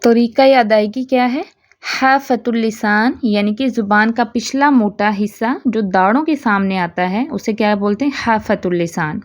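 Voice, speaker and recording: A woman teaching a recitation lesson, slowly drawing out example words syllable by syllable. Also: on the high side. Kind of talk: online tajweed lesson.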